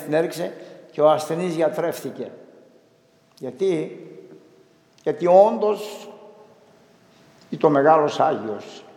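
A middle-aged male priest telling a story in a slow, emphatic sermon style, acting out the dialogue as he goes. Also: on the high side, dark tone. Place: church. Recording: echoey church with long reverb.

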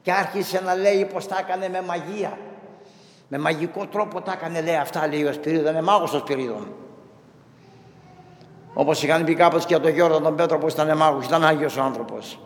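Male preacher, high voice, tells saints' stories with slow acted quotes; hall echo. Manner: retells saints' stories, acting out their lines in a slowed voice. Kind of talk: sermon storytelling. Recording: echoey hall.

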